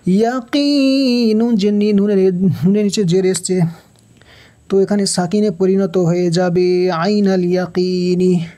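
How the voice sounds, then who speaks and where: High, mellow-voiced Quran reading teacher. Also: male voice, level tone. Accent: Bangladeshi Bengali. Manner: spells out letters and vowel marks slowly, then recites verses in drawn-out chant. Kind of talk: Quran recitation lesson.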